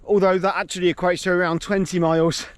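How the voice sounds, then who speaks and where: A man's voice: high-pitched, little pitch movement, fast talker, clean tone, dry recording. A man talking casually to camera while running a marathon outdoors, exerted and ruefully self-deprecating. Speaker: vlogger.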